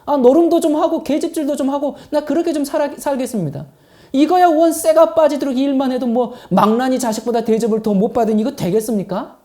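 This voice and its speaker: A man preaching who acts out an indignant grown older son, shouting his protests at his father. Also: extremely high pitch, fairly quick. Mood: indignant pleading.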